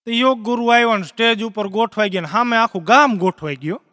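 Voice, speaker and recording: Bright high-voiced comedian on stage. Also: male voice, quick pace, dry recording, clean studio sound, big-room sound. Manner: lively storyteller acting out characters. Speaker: stand-up comedian. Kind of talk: live stand-up joke telling.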